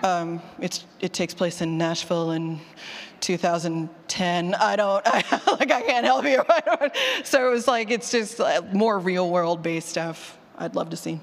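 A woman with a fairly low, steady voice speaks at a measured pace, giving a casual, chatty workshop talk on audio drama writing and taking questions. She's informal and self-deprecating, quick to laugh, and the echoey hall adds a long reverb.

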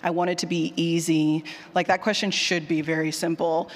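In the style of a former college teacher, a speaker gives an animated, informal conference talk on the craft of writing, emphatic and conversational, repeating audience questions aloud. The voice is medium in pitch with a moderate pace. Recorded live in an indoor session room or hall, the talk has audible hall reverb.

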